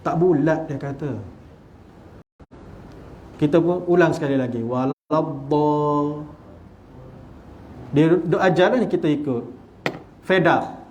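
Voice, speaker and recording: At an evening lecture in a small prayer hall, a male religious teacher with a Malaysian Malay accent teaches Quran recitation, drawing out letter sounds as he demonstrates them. His voice is a little high and a little mellow, his pace moderate with long pauses, and there's slight background noise.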